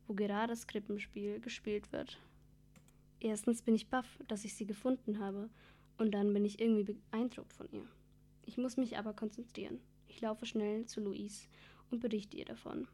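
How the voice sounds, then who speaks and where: A woman reading a children's story aloud in first person. Her voice is mellow and dark, and her pitch stays flat. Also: creaky.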